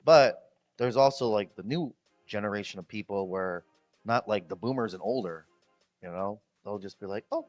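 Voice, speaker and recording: This Midwestern-accented man from Chicago streams from the Philippines at normal speed, his voice a little mellow over soft background music. Chatting jokily with viewers, he rambles, says things twice, and does high-pitched impressions of people.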